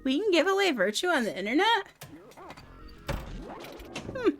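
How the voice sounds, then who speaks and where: A woman streaming a game live, chatting in a joking, self-mocking way, her voice a bit rough from being sick. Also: extremely high pitch, sing-song, moderate pace, faint music behind. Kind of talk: live gameplay stream chat.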